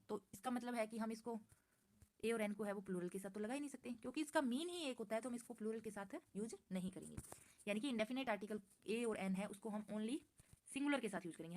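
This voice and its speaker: A woman walks through a grammar lesson from slides. She repeats each point, answers her own questions and reads the English examples slowly and carefully. Her voice sits at an ordinary middle pitch. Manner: patient, repeats points and asks herself questions. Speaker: English teacher.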